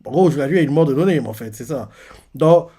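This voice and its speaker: Guy rambling through a manga recap, lots of fillers, kinda high voice. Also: animated, fast talker, dark tone, slightly rough. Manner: rambling, full of fillers and "en gros". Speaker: manga reaction host. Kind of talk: casual reaction commentary.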